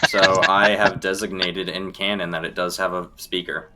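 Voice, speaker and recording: A man running a tabletop game as game master, setting scenes in a deliberate, descriptive way. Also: low-pitched, flat delivery, very noisy. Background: background music.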